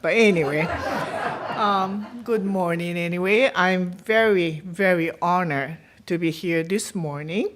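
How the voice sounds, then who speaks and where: Woman, Japanese accent, middle-aged, guest minister, Dharma talk, unhurried, lowish voice. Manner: chatty, self-deprecating, slow and deliberate. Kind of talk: Dharma message. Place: temple.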